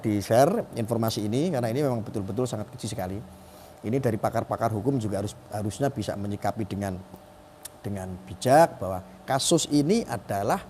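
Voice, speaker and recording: A man's voice: mid-range voice, warm tone, slightly rough, in a large hall. A middle-aged man giving emphatic live-stream commentary, asking rhetorical questions and acting out quoted voices.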